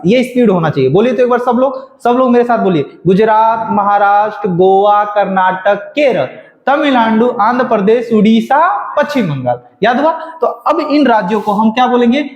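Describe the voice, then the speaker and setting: A male teacher, giving a classroom lecture and drilling students by having them repeat lists after him. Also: high voice. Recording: echoey room, dull lo-fi sound.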